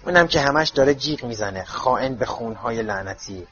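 A man playing a croaking, bitter old house-elf. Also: medium pitch, animated, a bit bright, close to an everyday voice. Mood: grumbling. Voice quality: croaking, muttering. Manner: grumbling insults under his breath. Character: bitter ancient male house-elf servant. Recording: dull lo-fi audio.

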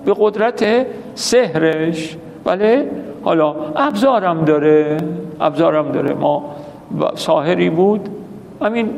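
A man with a high, creaky, slightly mellow voice delivers an anecdotal religious lecture in a reverberant hall with faint background noise. He tells stories, acting out quoted dialogue, and poses questions that he then answers himself.

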